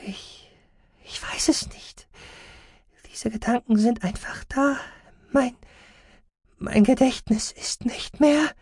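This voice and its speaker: A man voicing a frail, frightened young woman in an audiobook, in a breathy, halting whisper. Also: very high-pitched, sharp tone, no echo, studio quality, voice pushed up, exaggerated voice. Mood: faint.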